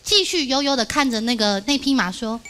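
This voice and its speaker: A woman's voice: high-pitched, a little fast, heavy background noise. A woman telling a long joke on a television variety show, acting out the characters as she goes. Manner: animated storyteller, acting out the husband's anger. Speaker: comedy show contestant.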